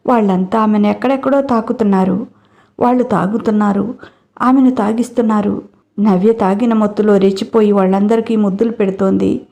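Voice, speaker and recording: A woman storyteller reading a dramatic audiobook story with steady, dramatic narration. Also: mid-range voice, brisk, creaky.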